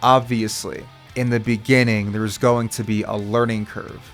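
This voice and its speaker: A man's voice: fairly low pitch, level tone, normal speed, soft background music. A man working as a vocal coach, explaining technique step by step in a reassuring, instructional way. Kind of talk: instructional video talk.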